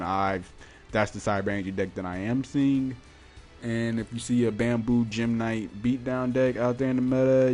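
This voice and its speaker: A man's voice: fairly low pitch, a little mellow. A man hosting his own gaming podcast, talking informally and colloquially in casual solo commentary. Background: music.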